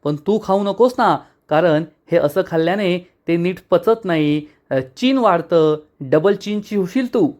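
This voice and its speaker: A man's voice: sits high, a little slow, few pauses, a little mellow. A man voicing a stern, fussy young husband who scolds in short, curt lines.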